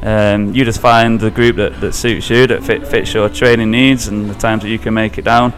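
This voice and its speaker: A man's voice: lowish voice, little pitch movement, faint music behind, poor audio. A man with a British accent from Greater Manchester, answering casually as a podcast guest and often repeating his words. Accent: northern English, Greater Manchester. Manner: halting, repeats words, says "you know".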